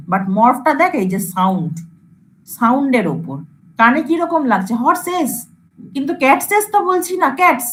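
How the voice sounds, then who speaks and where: A woman lecturer with a high voice teaches a class. She says example words over and over, mixes English terms into her speech and keeps checking whether her students follow. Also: slight background noise, low-quality recording. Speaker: computer science lecturer.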